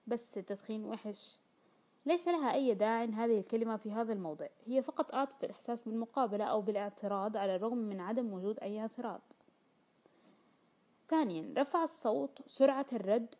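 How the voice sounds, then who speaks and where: Fast-reading woman narrator. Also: mid-range voice, warm tone. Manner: explanatory, with quoted dialogue in colloquial speech. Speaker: audiobook reader. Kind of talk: reading a self-help audiobook.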